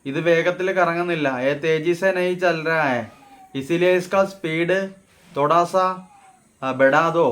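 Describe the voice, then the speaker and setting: A man teaching everyday phrases, saying each example slowly and then explaining it. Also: fairly high pitch, fairly bright tone. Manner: slow, deliberate model phrases, then explained in Malayalam. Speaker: Hindi teacher. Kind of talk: casual spoken-Hindi lesson.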